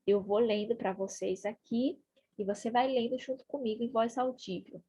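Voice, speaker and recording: A woman teaching a Spanish lesson, slow and deliberate, repeating key words. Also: a little high, fairly even intonation, warm tone, slightly rough, dry recording. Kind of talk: online Bible-based language lesson.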